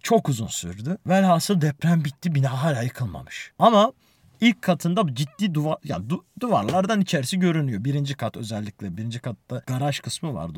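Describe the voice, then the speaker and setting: A man's voice: medium pitch, husky. A young man telling his own story in a casual, emotional way, building in intensity as he relives it.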